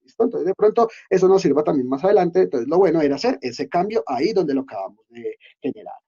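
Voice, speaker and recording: A man walks students through a coding lesson in a husky, fairly high voice. He explains patiently and keeps asking if they are following. The recording sounds dull and lo-fi. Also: expressive, fast, mellow. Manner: explanatory, often checks in with "¿listo?". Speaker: instructor.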